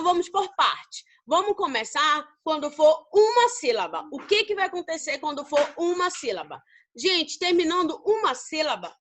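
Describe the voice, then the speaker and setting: A Brazilian woman teaches English grammar in a high, bright voice. She speaks to her class with affection and calls them babies. She keeps asking questions and answering them herself. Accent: Brazilian Portuguese. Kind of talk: recorded grammar lesson.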